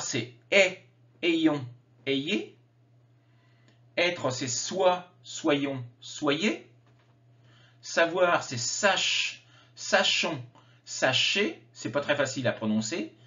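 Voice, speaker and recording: A man gives a grammar lesson in a high, measured voice, pronouncing each example form slowly and deliberately. The recording sounds slightly dull and lo-fi. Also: animated, sharp tone. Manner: slow, careful enunciation of example words. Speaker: French teacher.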